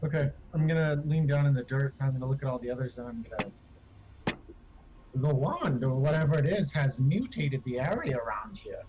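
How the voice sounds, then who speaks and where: A man's voice: mid-range voice, animated, a little fast, lo-fi sound, noisy background. A man playing a tabletop game, making blunt dry quips. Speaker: player. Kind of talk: casual tabletop play.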